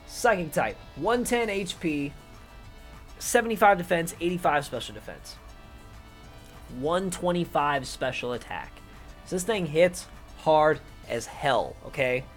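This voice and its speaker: Casual rambling young man, slightly high voice. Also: big pitch swings, slow pace, long pauses, soft background music. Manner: rambling, swears casually, many fillers. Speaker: YouTuber talking through his league draft. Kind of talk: casual unscripted commentary to camera.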